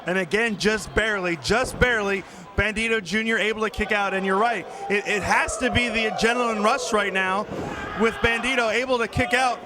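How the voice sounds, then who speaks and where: High-pitched wrestling announcer, a man. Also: a little fast. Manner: excitable, exclamatory calls of the action. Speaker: wrestling play-by-play commentator. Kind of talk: live wrestling commentary. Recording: noisy arena with loud crowd behind. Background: crowd noise of a live wrestling show.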